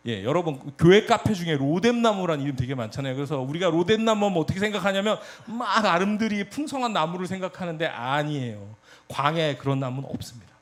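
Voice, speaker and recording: Animated Korean youth preacher. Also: male voice, on the high side. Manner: animated storytelling, addresses audience directly. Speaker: youth pastor. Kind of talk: sermon.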